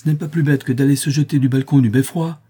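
A man's voice: mid-range voice, fast, warm tone, close to an everyday voice. A man voicing a weary, distraught woman who turns bitter and resentful in a read-aloud story.

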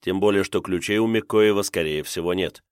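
A man reading an audiobook as narrator in steady, tense storytelling. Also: deep voice, a little fast, clear, resonant tone, dry recording, clean studio sound.

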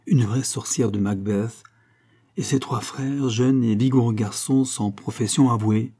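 A man narrating a classic novel as an audiobook in a measured, steady storytelling manner. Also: on the low side. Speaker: audiobook reader.

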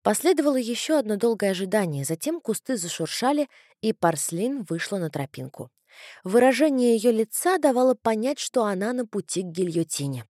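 A woman narrating an audiobook in a measured first-person storytelling manner. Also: mid-range voice, sing-song, warm tone, no echo, clean studio sound. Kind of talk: scripted narration.

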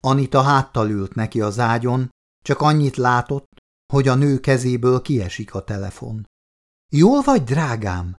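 Male audiobook narrator, steady and even, mid-pitched.

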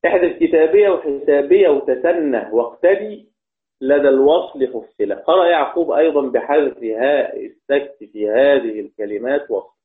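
A man with an Egyptian accent gives a patient recitation lesson in a mid-pitched voice. He repeats each key word and checks his listeners with quick questions. The recording sounds thin and phone-like. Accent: Egyptian Arabic. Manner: repeats key words, asks students questions. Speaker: Quran recitation teacher. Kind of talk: explanatory lesson. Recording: tinny phone-like audio.

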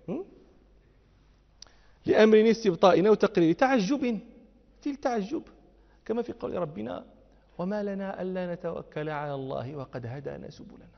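High-voiced man lecturing in reverb. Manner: recites verses softly, then explains with rising emphasis and rhetorical checks. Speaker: Islamic scholar teaching. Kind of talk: classroom lecture on Quranic rhetoric. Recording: dull lo-fi audio with long hall reverb.

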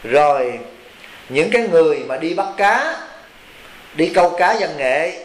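A man's voice: a little high, lively intonation, unhurried. A man, a Buddhist monk, gives a folksy sermon to a retreat and keeps asking his listeners questions. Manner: folksy, teasing, asks the audience questions. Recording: roomy hall with faint hiss.

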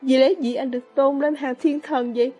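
A woman voicing a shrill, impatient teenage girl in a storybook reading. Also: steady tone, brisk, dark tone, faint music behind, lightly acted.

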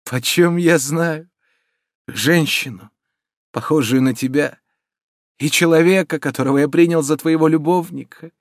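A man's voice: fairly high pitch, a little slow, pauses often, dry recording, clean studio sound, pitched above the performer's own voice. A man doing a trembling, grief-stricken young prince. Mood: trembling, anguished.

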